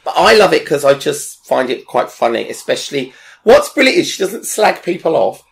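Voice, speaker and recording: A man's voice: fairly high pitch, very animated, moderate pace, vocal fry. A man chatting enthusiastically as a presenter, rambling with fillers as he recommends people. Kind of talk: casual chat recommending online creators.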